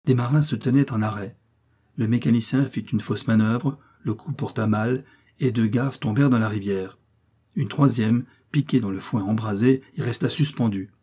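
A man narrating a classic novel as an audiobook, reading in a measured, steady storytelling manner. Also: medium pitch, breathy edge.

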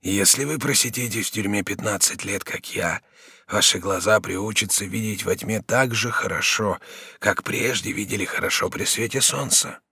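A male audiobook reader voicing a dying old prisoner in his sixties who speaks slowly, quietly and wearily. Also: lowish voice, slightly rough, no room sound, studio quality, full character voice. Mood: resigned. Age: 60s. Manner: slow, hushed, sighing. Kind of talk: audiobook character reading.

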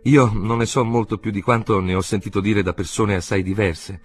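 A man reading an audiobook, voicing an earnest, troubled adult man who speaks in a measured way. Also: lowish voice, steady tone, voice pushed up, lightly acted.

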